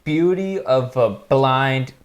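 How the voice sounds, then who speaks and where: A man's voice: medium pitch, expressive, slow. A man co-hosting a casual whiskey review, joking around and calling the viewers folks.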